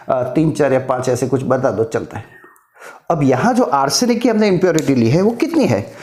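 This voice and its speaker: A man's voice: on the high side, a little mellow. A middle-aged man teaching a physics lesson, explaining step by step and mixing in English terms. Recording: echoey room.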